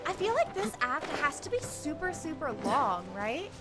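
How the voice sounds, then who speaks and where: A woman's voice: high voice, sing-song, moderate pace, low-quality recording. A young woman streaming a video game, chatting casually in a rambling, slangy way. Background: game music.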